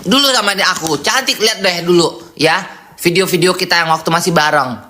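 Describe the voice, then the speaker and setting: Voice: medium pitch, a little fast, pushed and bright, a little hiss or hum. A live streamer talking bluntly and gossiping in a chatty way, sometimes acting out quoted lines in a raised voice. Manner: blunt, outspoken, chatty storytelling.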